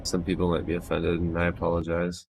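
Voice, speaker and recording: A man in his thirties streams games from a small room at home, chatting casually into a headset mic in a loud, loose, self-deprecating way full of swearing. His low, creaky voice is delivered completely flat and fast. The background is noisy.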